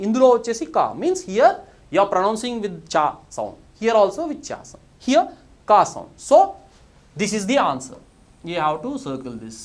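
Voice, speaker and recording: A man with a Telugu accent teaching English pronunciation in a recorded video lesson. He moves between Telugu and English, asks the class questions and then answers them himself. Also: sits high.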